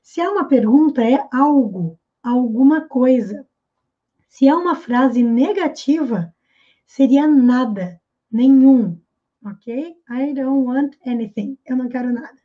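A woman with a Brazilian accent and a high, bright voice explains pronunciation in a video lesson. She repeats English phrases slowly and carefully for her students. The recording sounds slightly dull and lo-fi. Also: lively intonation. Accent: Brazilian Portuguese. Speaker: English teacher.

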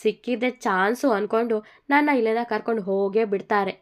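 A woman's voice: fairly high pitch, a little fast, natural voice. A woman voicing a young man, a fond, teasing groom, in a told love story. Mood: tender teasing. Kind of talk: storytelling dialogue.

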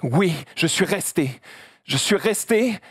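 A man's voice: very high voice, animated, moderate pace, breathy edge, full character voice. A man voicing a big, insecure, defiant young panda in an emotional amateur cartoon dub. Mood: hurt, defiant. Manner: emotional, exclamatory. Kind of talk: amateur dubbing of animated film.

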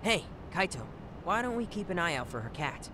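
A man's voice: high voice, very animated, a little fast, background noise. An actor playing an earnest, eager young man in a video game dub. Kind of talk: English game dub acting.

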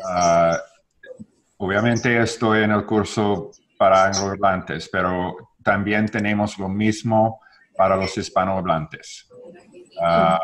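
Speaking in a deep voice, this language exchange facilitator in his fifties leads a casual session over video call from home. He switches between English and Spanish, stays relaxed, and self-corrects along the way, with faint noise in the background of the call.

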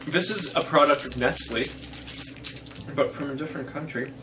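A woman's voice: deep voice, normal speed, noisy background. A woman casually taste-testing snacks and describing each one aloud as she goes. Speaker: snack box reviewer. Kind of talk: casual taste-test chat. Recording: distant mic with background music.

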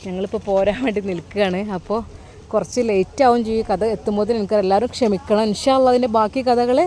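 A woman's voice: medium pitch, fairly even intonation, fast talker, warm tone, a little hiss or hum. A woman with a Malappuram Malayalam accent narrating a moral story with earnest feeling.

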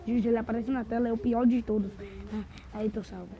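A man with a Brazilian accent giving excitable, jumpy let's-play commentary to viewers. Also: extremely high pitch, fast. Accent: Brazilian Portuguese. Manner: excitable, jumpy, talks to viewers while playing. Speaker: gamer. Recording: dull lo-fi recording.

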